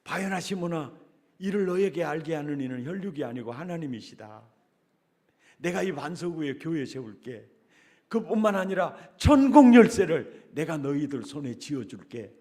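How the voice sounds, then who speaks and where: A man's voice: a little high, animated, moderate pace, warm tone. A man voicing a grave male teacher who speaks earnestly and directly to his disciple.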